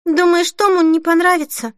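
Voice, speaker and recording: A woman reading an audiobook voices an excitable young bride-to-be who squeals and gushes. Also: high-pitched, moderate pace, no room sound, clean studio sound, voice pushed up. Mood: anxious. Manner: gushing, breathless exclamations.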